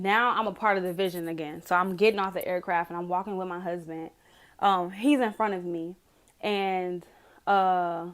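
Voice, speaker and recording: A woman casually retelling a dream to camera, rambling with many "like"s and restarts. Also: mid-range voice. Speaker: video testimony speaker.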